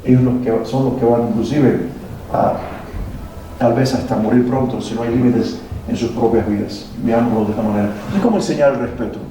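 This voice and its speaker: A man's voice: medium pitch, brisk, warm tone. A man giving a motivational talk to parents in a hall, posing rhetorical questions to the audience. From Latin America. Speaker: speaker at a parenting workshop. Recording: very echoey hall, mic at a distance, faint noise.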